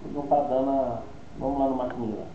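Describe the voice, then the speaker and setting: A fast-talking man with a steady tone and mid-range voice teaches an online English class in a Brazilian Portuguese accent. He explains pronunciation, thinks out loud and keeps checking in with tag questions. Audio is lo-fi, roomy and dull, with faint hiss.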